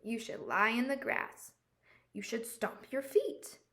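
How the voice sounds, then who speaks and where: Bossy picture-book animal friend, keen and coaxing, slow imperatives, raised pitch, female reader performing. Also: very animated, fairly bright tone, full character voice. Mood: eager urging. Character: chorus of eager, bossy animal friends in a storybook.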